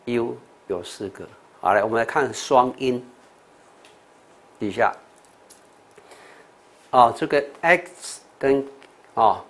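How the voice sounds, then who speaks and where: An older man with a Taiwanese accent, a monk teaching English pronunciation in a TV lecture, repeating sounds and words with many "oh" and "ha" fillers. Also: medium pitch. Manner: slow, repetitive drilling with fillers like "oh" and "ha".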